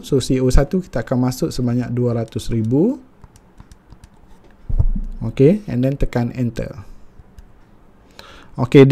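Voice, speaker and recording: A man's voice: medium pitch, warm tone. A young Malaysian man with a Malaysian accent walking through a finance tutorial step by step, with many fillers.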